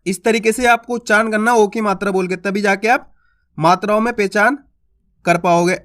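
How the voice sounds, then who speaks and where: High-voiced man teaching Hindi syllables. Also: steady tone, a bit bright. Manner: slow, drawn-out syllables, asks and answers his own questions. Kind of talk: teaching children to read.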